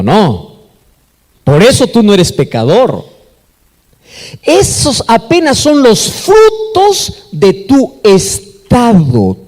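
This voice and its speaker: A man from Peru delivers an emphatic sermon in Peruvian Spanish, in a high-pitched, somewhat mellow voice. He asks his congregation questions and then answers them, and the hall's long reverb makes everything echo.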